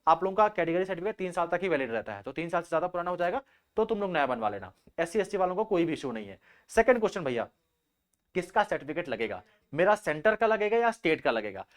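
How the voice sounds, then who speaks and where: A young man teaching students about exam form filling in a casual, repetitive, explanatory way, often calling them bhaiya. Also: a little high.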